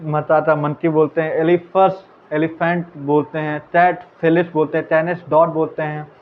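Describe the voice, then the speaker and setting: Male teacher, casual revision lecture, slightly high voice, tinny phone-line sound. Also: level tone, moderate pace. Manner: casual, repeats answers, calls listeners brother. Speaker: biology teacher. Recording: tinny phone-like audio, faint hiss.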